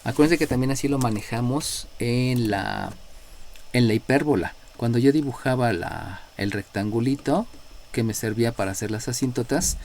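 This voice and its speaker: A man with a Mexican accent teaches a live math class at a middle pitch. He explains step by step, checks in often with his students and calls on them by number. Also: a little mellow. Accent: Mexican Spanish.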